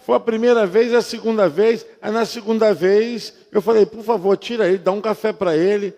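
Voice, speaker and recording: Man, pastor, Rio de Janeiro accent, chatty teaching, slightly high voice, long church reverb. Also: normal speed. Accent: Rio de Janeiro Portuguese. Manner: lively and conversational, mimics phone beeps. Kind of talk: teaching a church discipleship class. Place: church hall.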